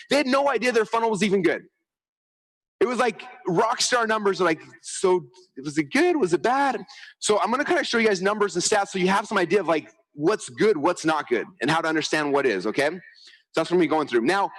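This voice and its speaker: A conference speaker with a high voice delivers a live marketing talk in a conference hall, and the recording is rough. His storytelling is animated and energetic, with quotes acted out and a repeated "okay?" to make sure the audience is with him.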